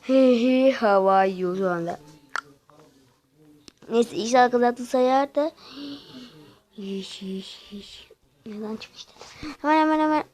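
A young woman giving casual gameplay commentary, talking straight to her viewers with frustrated, excitable outbursts. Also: a little high, slow pace, long pauses, low-quality recording.

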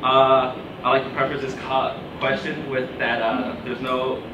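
A man's voice: medium pitch, flat delivery, measured pace, lo-fi sound, noisy background. A sick young man born in Australia, asking a hesitant audience question full of fillers. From born in Australia, raised in Shanghai. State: sick, coughing. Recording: echoey room, voice from far off.

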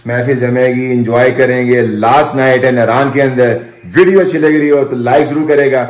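Holding his phone camera in a bustling night market outdoors, a young male vlog host speaks at a moderate pace in a medium pitch with fairly even intonation. The recording is dry, though market crowd noise surrounds his chatty, viewer-directed talk.

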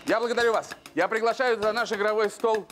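Showy high-voiced male bingo caller. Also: fairly even intonation, quick pace, over music, a crowd in the background. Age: middle-aged. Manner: theatrical showman, drawing out announcements. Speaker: TV lottery game show host. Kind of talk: bingo caller announcing drawn numbers and prizes. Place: TV studio with seated audience.

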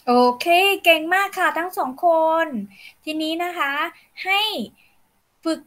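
A woman teacher leads children through an English pronunciation lesson. Her voice sits high and she speaks at a slow, unhurried pace. She patiently coaches each sound. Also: sharp tone.

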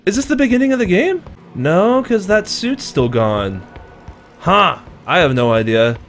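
A young man giving profane, excitable let's-play commentary, self-mocking and jumpy at scares. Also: high-pitched, a little slow, soft background music. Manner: excitable and profane, yelping in sudden alarm. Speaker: gaming video host.

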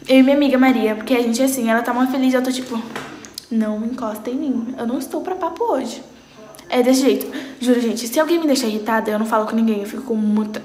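A teenage girl chatting casually as she reacts to memes, playful and dramatic, jumping into high squeals. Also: a little hiss or hum. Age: teens. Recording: roomy echo.

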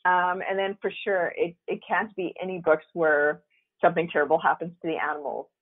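A woman author chatting as an interview guest, telling stories and acting out quotes with big jumps in pitch. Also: fairly even intonation, a little fast. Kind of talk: casual interview chat. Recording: tinny phone line.

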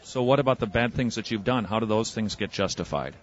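A man's voice: lowish voice, lo-fi sound. Pointed, questioning male street evangelist. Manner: probing, rapid-fire questioning. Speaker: street evangelist and radio host. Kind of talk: street debate. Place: outdoors on a city street.

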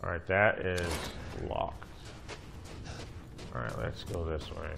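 Low-voiced sarcastic gamer man. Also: expressive, takes it slowly, gravelly, background noise. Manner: sarcastic, mocking, crude. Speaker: gamer streamer. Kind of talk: casual let's-play commentary. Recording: voice over game music.

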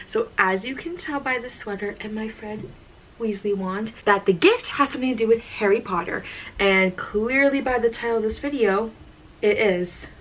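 A woman's voice: medium pitch, fairly bright tone, slight background noise, poor audio. Gushing young woman vlogger. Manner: gushing, emotional, many "like"s. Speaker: YouTuber. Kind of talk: excited storytime vlog.

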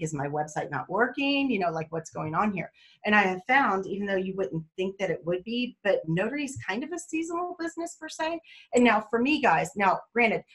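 A woman, talking excitedly and chattily on a video call about her mobile notary work, often laughing and rambling. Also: medium pitch. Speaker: mobile notary guest speaker. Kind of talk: excited casual webinar talk.

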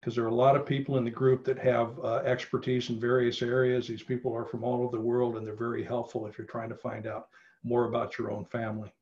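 Speaking fast in a level, darkish mid-range voice, this middle-aged genealogy presenter talks casually to an online audience via video call. His delivery is full of fillers and restarts, and the audio is a bit dull.

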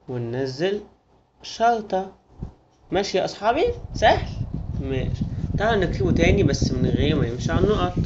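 A man with an Egyptian Arabic accent, a student tutor giving a friendly, coaxing handwriting lesson to young children. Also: on the high side. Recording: muffled with steady hiss.

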